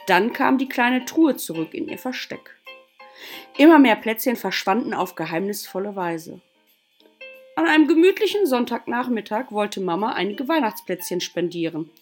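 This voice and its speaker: A woman's voice: on the high side, soft background music. Woman teacher reading a story aloud. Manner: slow, expressive storytelling.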